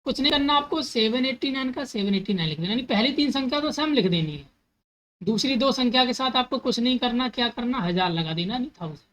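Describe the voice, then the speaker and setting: A woman talks through a math lesson with a bright, fairly high voice. She repeats each step, poses questions and answers them herself, and slips number words into her speech. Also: animated, fast, rough recording. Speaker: math teacher.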